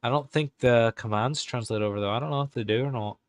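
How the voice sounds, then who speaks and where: Speaking quickly at medium pitch, this young man live-streams in a put-on Irish accent that occasionally falters. He chats loosely and mumbles while typing game commands, and the studio-quality recording has no room sound.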